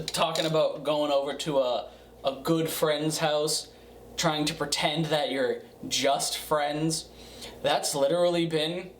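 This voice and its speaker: Tipsy, rambling man on a distant mic. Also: on the high side. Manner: tipsy, rambling drunken delivery with halting, repeated phrases. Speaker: amateur music reviewer. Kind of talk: casual, profane video review. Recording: roomy, distant mic, faint noise.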